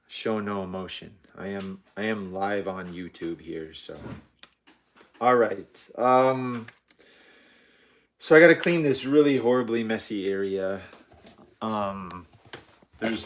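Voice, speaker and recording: A middle-aged livestream host with a lowish voice cooks live in his home kitchen, keeping up a casual chat. He rambles, runs himself down, and uses many ums. There is slight background noise.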